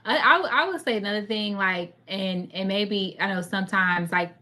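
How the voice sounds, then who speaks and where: A woman's voice: medium pitch, moderate pace, bright, forceful tone. A young adult woman, a guest, speaking earnestly with many filler words.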